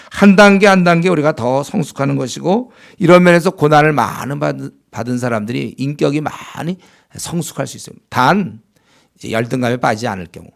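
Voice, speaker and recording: Korean pastor guy, gravelly voice, chatty sermon, jumps up loud when he acts out complainers. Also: medium pitch. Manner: conversational preaching, acts out complaining believers in raised voice.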